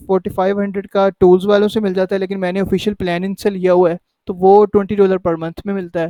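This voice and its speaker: A man's voice: high voice, mellow, clean tone, no room sound. A man hosting a casual step-by-step tutorial, talking conversationally and often checking in with the listener. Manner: conversational, repeats "ठीक है" to check in. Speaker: tutorial host. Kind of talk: casual screen-recorded tutorial.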